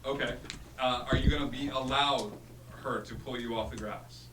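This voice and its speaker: A man working as game master, narrating a tabletop fantasy game theatrically with dramatic pauses. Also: mid-range voice, fairly even intonation. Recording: echoey room, distant mic, humming noise.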